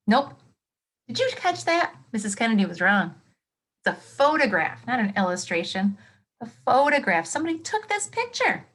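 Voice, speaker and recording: A teacher reads a nonfiction book to children in a medium-pitched, fairly bright voice. She reads expressively, adding exclamations, explanatory asides, and questions for her young listeners.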